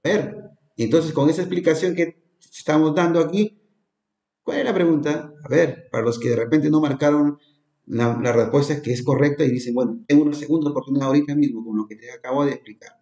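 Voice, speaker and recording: A man leading an exam review lesson for teachers, asking questions and slowly repeating the key terms. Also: a little high, warm tone, dull audio. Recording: echoey room.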